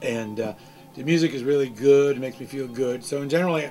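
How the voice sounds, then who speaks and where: A man's voice: mid-range voice, brisk, music in the background. A man hosting a live radio show, chatty and reflective, speaking into a studio microphone. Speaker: radio DJ host.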